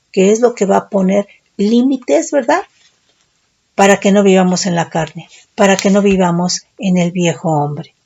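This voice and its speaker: A woman teaching a sermon as a Bible teacher, speaking deliberately and checking in with her listeners again and again. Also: mid-range voice, mellow, muffled recording.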